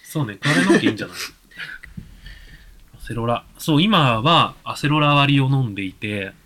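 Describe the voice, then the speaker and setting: Man in animated casual chat. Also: mid-range voice, normal speed. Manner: relaxed, laughs often. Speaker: podcast co-host.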